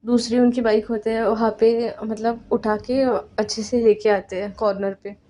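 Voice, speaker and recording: A woman's voice: on the high side, flat delivery, dark tone. A woman narrating a romance story in a chatty, unscripted way. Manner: chatty, unscripted, drawn-out phrasing.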